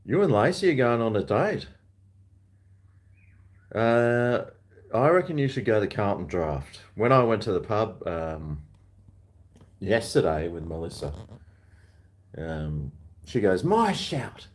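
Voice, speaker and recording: A man's voice: fairly low pitch, animated, slow pace, long pauses. An Australian man filming a casual vlog at home on a handheld camera, rambling and muttering to himself. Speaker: vlogger. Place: at home, large empty house.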